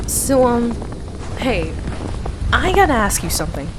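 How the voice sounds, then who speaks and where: In this ASMR roleplay, a young woman portrays a playful best friend with a secret crush, her voice on the high side at a measured pace. She's chatty and expressive with a tender mood, and the background is noisy.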